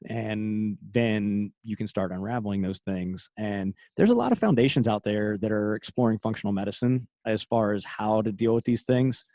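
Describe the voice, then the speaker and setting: A middle-aged man, a former special forces operator, speaking as a podcast guest in casual conversation, candid and quick to laugh. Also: lowish voice, warm tone, no room sound. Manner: candid, laughs often, trails off and restarts.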